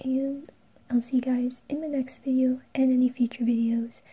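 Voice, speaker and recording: A woman hosts a craft tutorial in a breathy, whispered voice. Her pitch is high and her tone is very soft and dark, with no brightness to it. She explains gently, one step at a time. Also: little pitch movement, moderate pace, no echo. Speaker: host of an art tutorial.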